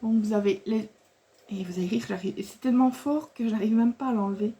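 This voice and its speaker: A woman's voice: fairly high pitch, fairly quick, warm tone, slightly rough. A woman vlogging casually to camera about her craft haul, rambling and chatty, with many fillers, restarts and frequent laughs. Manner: laughs often while talking.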